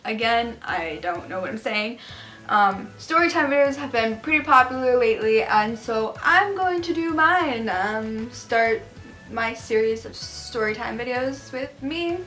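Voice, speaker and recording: A young adult woman, a storytime vlogger, chats to camera in a gossipy, emphatic way, casually sharing personal confessional stories. Her fairly high voice is expressive and sharp in tone, with a measured pace. Soft music plays in the background.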